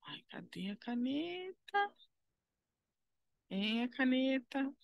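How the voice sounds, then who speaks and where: A woman's voice: high-pitched, very animated, takes it slowly, creaky, no echo, highs cut off. A woman with a Brazilian Portuguese accent, teaching a primary school lesson as she walks through a worksheet. She talks patiently and encouragingly, often checking in with the listener.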